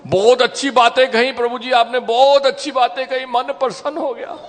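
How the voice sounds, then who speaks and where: Brief: man playing a smug, stubborn listener in a high, sing-song voice, echoey hall. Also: little pitch movement, moderate pace.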